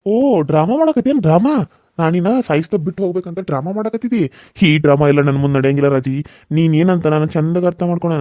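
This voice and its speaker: A man's voice: fairly high pitch, mellow, no room sound, studio quality, close to an everyday voice. A man voicing a menacing village man. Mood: threatening. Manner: taunting, threatening, mocking drawn-out laughs. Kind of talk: cartoon serial voice acting.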